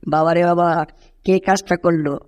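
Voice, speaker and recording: A woman's voice: fairly low pitch, fairly even intonation, moderate pace, a little mellow, natural voice. A woman voicing a hungry, scheming male house cat in a fan cartoon dub, muttering and groaning to himself.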